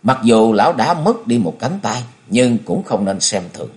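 A man voicing a calm, wise young swordswoman who speaks softly and quietly. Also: medium pitch, normal speed, close to an everyday voice. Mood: cautioning.

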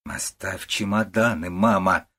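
Male narrator as a timid young mother, quiet and pleading, husky. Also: sits low, steady tone, unhurried, full character voice. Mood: firm. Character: young gentle wife and mother.

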